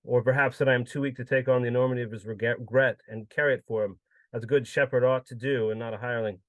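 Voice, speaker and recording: A man giving a measured, solemn reading of his own literary prose. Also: mid-range voice, fairly even intonation, no room sound. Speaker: contributor reading his story.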